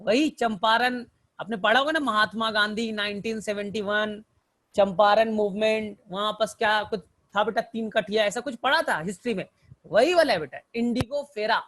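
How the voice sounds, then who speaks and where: A man's voice: high-pitched, normal speed, a bit bright. A male teacher giving a botany lecture through mnemonic stories, who keeps calling his students "beta" and asks and answers his own questions.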